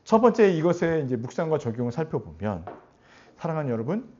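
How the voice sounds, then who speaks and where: A man preaching a sermon as pastor, animated and often putting questions to his congregation. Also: on the high side, a little fast. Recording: dull lo-fi recording.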